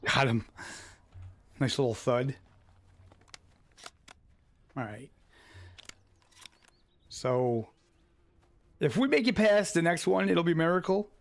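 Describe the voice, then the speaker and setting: A man's voice: on the high side, takes it slowly, vocal fry, pauses often, slight background noise. A young man casually commenting on his own live gameplay, muttering asides as he plays. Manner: laid-back, muttering asides. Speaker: streamer.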